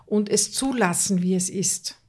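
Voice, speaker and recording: A woman's voice: medium pitch, a little slow, darkish tone. A woman coach speaks in an interview with earnest conviction and lays stress by repeating key words. Her talk is conversational and full of small restarts.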